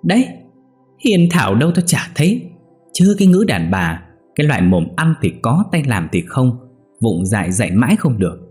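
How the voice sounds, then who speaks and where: A man doing a shrill scolding old mother-in-law. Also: sing-song, normal speed, darkish tone, soft background music. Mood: scornful scolding. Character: sharp-tongued old village mother-in-law, woman.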